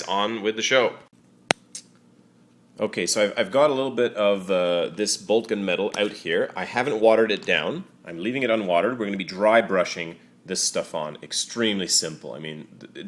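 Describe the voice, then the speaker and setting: A man's voice: lowish voice, normal speed. A young man giving a casual hobby painting tutorial, talking loosely with lots of "uh" and "you know". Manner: relaxed, many fillers like uh and you know. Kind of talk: casual how-to demonstration.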